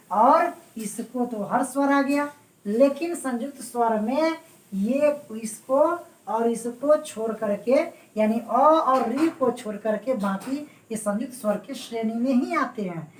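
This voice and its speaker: A woman gives an exam-prep grammar lecture in a somewhat high voice. She repeats key points and keeps checking that her students follow. She is recorded from a distance in a roomy, echoing space. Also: measured pace. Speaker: Hindi grammar teacher. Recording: roomy echo, voice away from the mic.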